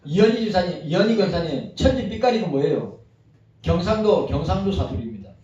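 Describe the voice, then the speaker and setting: A man's voice: high-pitched, expressive, a little fast, warm tone. A male pastor preaching a sermon, reading a text aloud and asking the congregation questions in between. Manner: conversational, asks the congregation questions. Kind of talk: sermon with read-aloud passage. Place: church sanctuary. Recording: echoey, distant, dull sound.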